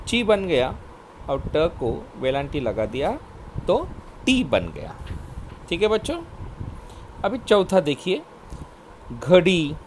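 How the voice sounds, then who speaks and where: Slow, lively-voiced man teaching children. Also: a little high, slight background noise, rough recording. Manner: slow, spelled-out word drills; repeats "okay, children". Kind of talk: primary school Hindi lesson.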